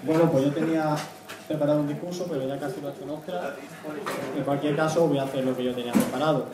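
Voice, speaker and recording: A Spanish man in his thirties, a YouTube analyst appearing as a guest speaker, gives a semi-prepared, conversational talk into a handheld mic, often ending phrases with a questioning "¿no?". His voice is slightly high, fairly even and fast. The small indoor meeting room echoes, the mic is distant, and faint noise is audible.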